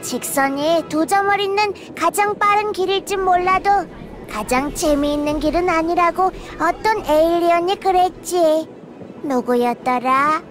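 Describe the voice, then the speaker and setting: Very high-pitched, playful train conductor. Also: female voice, measured pace, a bit bright. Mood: breezy. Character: playful, breezy female space train conductor. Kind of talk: scripted game story dialogue. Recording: music behind the voice.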